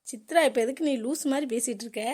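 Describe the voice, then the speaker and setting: A woman's voice: high voice, fast, noisy background, natural voice. A woman voicing an exasperated, dismissive sister-in-law in a cartoon comedy.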